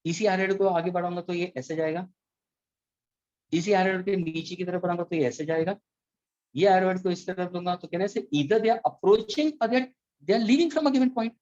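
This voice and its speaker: A man teaching physics in an online class, switching between Hindi and English and repeating phrases slowly for dictation. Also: high-pitched, a little mellow, lo-fi sound.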